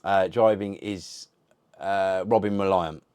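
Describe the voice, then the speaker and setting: A man's voice: deep voice, fairly even intonation, slow, a little mellow, clean tone, no echo, clean studio sound. A man hosting a retro gaming channel, chatting casually to camera in a rambling way, swearing constantly and restarting sentences. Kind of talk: casual unboxing chat to camera.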